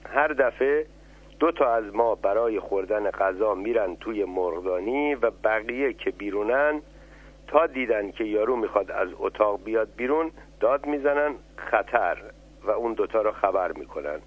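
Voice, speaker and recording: A commanding male sparrow leader in a radio storybook, read by a man, low and husky, thin phone-like sound. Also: expressive. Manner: commanding, giving orders. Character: bossy clever male sparrow flock leader. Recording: tinny phone-like radio line.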